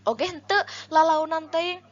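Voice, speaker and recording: A woman's voice: very high-pitched, unhurried, highs cut off. A woman teacher explaining a lesson step by step, asking questions and answering them herself.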